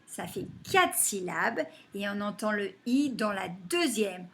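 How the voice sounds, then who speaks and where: A woman teacher giving a phonics lesson to young children, saying words slowly and clapping them out syllable by syllable. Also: mid-range voice, very animated, a bit bright, a little hiss or hum. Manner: slow and deliberate, stretching and clapping out words syllable by syllable.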